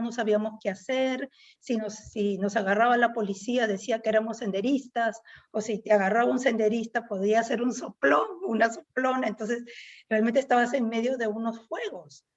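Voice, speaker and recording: A middle-aged Peruvian woman with a Peruvian Spanish accent speaks as a guest poet in a reflective, conversational interview, her voice a little high and steady at a moderate pace. She often closes thoughts with "¿no?" and fills pauses with "este." The recording sounds muffled.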